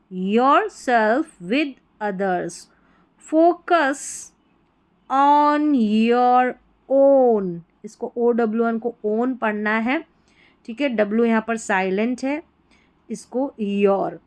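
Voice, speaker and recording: A woman gives a patient English reading lesson. She speaks slowly and deliberately in a fairly high voice, spelling out each word letter by letter before saying it whole and explaining what it means. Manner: spells words letter by letter, then explains pronunciation and meaning.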